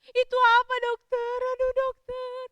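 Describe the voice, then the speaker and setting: Brief: woman playing a sobbing, desperate mother, very high-pitched, recorded dry and close. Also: moderate pace, bright, forceful tone, dry recording. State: crying. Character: frantic tearful mother of a sick child. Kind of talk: storytelling for children.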